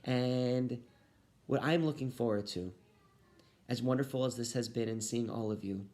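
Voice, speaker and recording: A man's voice: fairly low pitch, darkish tone. A man speaking as a rabbi, giving a short Torah talk addressed to children and families.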